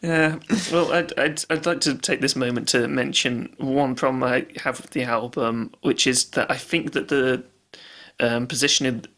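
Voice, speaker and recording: A man's voice: medium pitch, steady tone, moderate pace, fairly bright tone. A man co-hosting a podcast, chatting casually about an album, laughing often. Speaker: podcast co-host. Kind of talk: casual music review chat.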